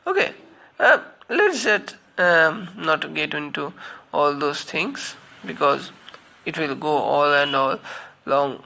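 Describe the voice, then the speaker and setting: A man's voice: on the high side, lively intonation, slow pace, gravelly, pushed and bright. A man giving a literature lecture, explaining step by step with many fillers and spelling out names letter by letter. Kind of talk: spoken lecture.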